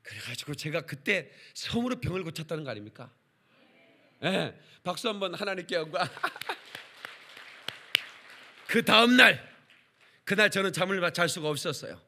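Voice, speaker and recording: Animated, bright-voiced preaching pastor. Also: male voice, fairly high pitch, a little fast. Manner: animated, calls for congregation responses, acts out quotes. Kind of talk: lively revival sermon with storytelling. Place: church service.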